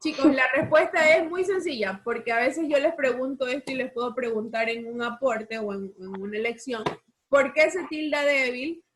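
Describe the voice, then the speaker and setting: A woman teacher leading an online class, explaining rules patiently and repeating words slowly for her students. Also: high-pitched, slight background noise.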